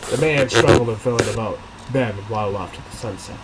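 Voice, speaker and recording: A man reads his own novel draft aloud, thinking aloud with casual asides as he rereads and revises sentences. His voice is on the low side and brisk, and the recording is very noisy.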